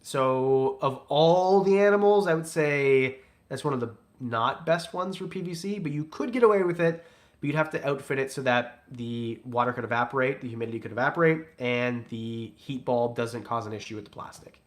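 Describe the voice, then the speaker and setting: The speaker, a young man who breeds reptiles and hosts a channel, has a mid-range voice and talks at normal speed. During a casual livestream, he reads out donations and rambles in a joking, relaxed way.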